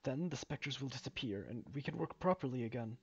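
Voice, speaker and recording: A hesitant male overseer of a mine, put on by a man reading game dialogue aloud, fumbling through his words with stalls and restarts. The voice is husky and middle-pitched. The recording sounds dull and lo-fi. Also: animated, dry recording, exaggerated voice. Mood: explaining. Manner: halting, full of uhs and fumbling restarts.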